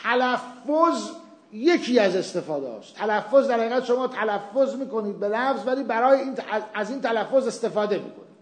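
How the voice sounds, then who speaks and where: A man's voice: very high-pitched, animated, reverberant. A man teaching a seminary class, explaining a point patiently with everyday examples and asking and answering his own questions. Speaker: teacher of Islamic legal theory. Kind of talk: seminary lecture with class discussion.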